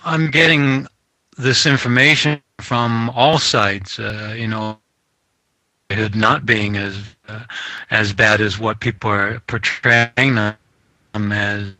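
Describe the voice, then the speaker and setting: A man talks over a clipped phone line that drops in and out. His voice is very bright and tense but stays flat in pitch, and he speaks haltingly, with many fillers and restarts, like a caller to a radio show. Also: no room sound. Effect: choppy phone line that keeps breaking up. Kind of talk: casual talk radio chat.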